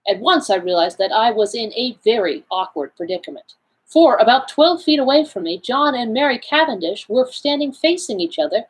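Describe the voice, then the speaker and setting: Husky woman reading a novel aloud. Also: mid-range voice, low-quality recording. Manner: measured first-person narration with character voices. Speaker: library storytime reader.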